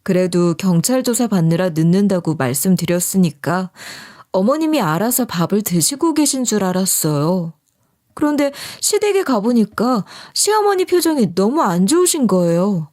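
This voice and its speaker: A woman's voice: mid-range voice, sing-song, moderate pace, darkish tone. A woman narrating a first-person true-life story in a confiding way.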